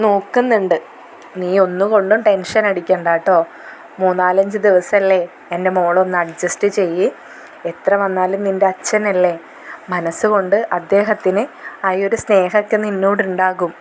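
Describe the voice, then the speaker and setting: A woman's voice: medium pitch, a little mellow, a little hiss or hum, close to an everyday voice. A woman voicing a caring elderly father, fond and protective toward his daughter, in a retold serial story.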